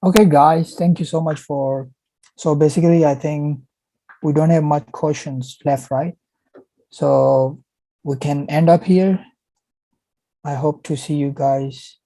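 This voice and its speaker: Answering viewers' questions in a laid-back Q&A, a young adult Pakistani guest whose first language is Urdu speaks slowly and haltingly, restarting frequently. His very dark voice is fairly high with fairly even intonation, captured in a rough recording without echo.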